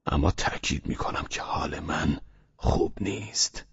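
A man doing a sullen, muttering gentleman. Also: creaky, slightly rough, no room sound, exaggerated voice. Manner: low, muttering and clipped. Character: irritable, weary gentleman, quiet and sullen. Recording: dull lo-fi recording.

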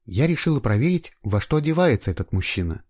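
A man's voice: medium pitch, sing-song, fast talker, darkish tone, dry recording, clean studio sound, voice pushed up. A man voicing an eager young female trainee investigator in an audiobook, with a raised, insistent voice. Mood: earnest. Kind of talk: audiobook reading.

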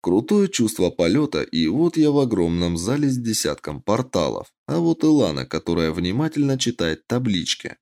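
A man's voice: fairly low pitch, very animated, normal speed, hardly any pauses, darkish tone. A man narrating a fantasy audiobook in first person, with an ironic storytelling manner. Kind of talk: scripted narration.

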